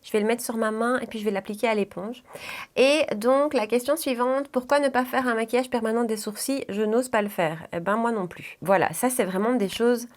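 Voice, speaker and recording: A young woman from the Brussels area with a Belgian French accent, chatting casually and filling pauses with "euh" and "voilà" while she does her makeup. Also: on the high side. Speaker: beauty YouTuber.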